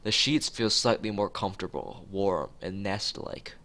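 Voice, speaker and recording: Over background music, a man streams a visual novel read-aloud, narrating with casual asides and occasionally stumbling over words. His voice is deep and sharp-toned, at a measured pace.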